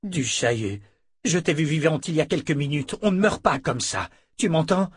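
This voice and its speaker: A man's voice: medium pitch, moderate pace, slightly rough, no room sound, clean studio sound, natural voice. A man reading an audiobook, voicing a desperate young male hero who pleads in a raised voice. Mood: anguished.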